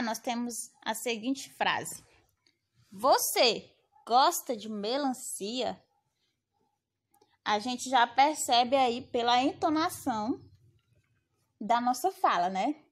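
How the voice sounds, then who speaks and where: Brazilian woman teacher, slow and patient, a bit high-voiced, walks students through exercises. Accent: Brazilian Portuguese. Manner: patient, explaining step by step with frequent tag questions. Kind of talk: recorded grammar lesson.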